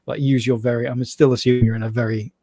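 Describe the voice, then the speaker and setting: A man's voice: mid-range voice, flat delivery, quick pace, mellow, no room sound. A man narrating a live tabletop game as game master, laughing often and rambling loosely as he describes scenes.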